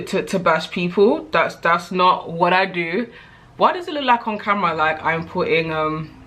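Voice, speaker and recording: Woman, 30s, British accent, bright voice, chatty, candid vlogger talking straight to camera. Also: lowish voice. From United Kingdom. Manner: chatty, candid, rambling with frequent asides and fillers. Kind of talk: casual chat to camera.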